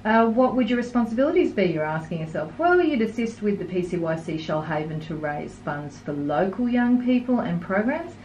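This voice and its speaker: A woman's voice: mid-range voice, big pitch swings, fairly quick, few pauses, darkish tone, highs cut off, slight background noise. An adult woman, chatting on community radio with wry, self-mocking humour. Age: adult, no longer young. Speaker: guest co-presenter. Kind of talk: casual chat. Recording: roomy echo.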